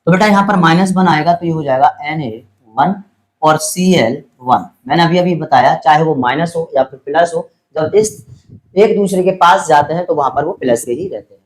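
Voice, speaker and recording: The recording is rough, with slight background noise, and the man's voice is a little high. He teaches chemistry methodically, repeating himself with patience, saying "beta" to his students and making sure they follow. Chemical formulas get spelled out slowly.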